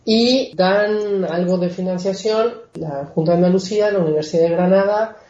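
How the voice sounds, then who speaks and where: Woman with a dark, echoey, muffled voice. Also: on the low side, moderate pace. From Mexico. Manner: conversational, explanatory, many fillers. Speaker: genetics researcher guest. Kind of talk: interview answers.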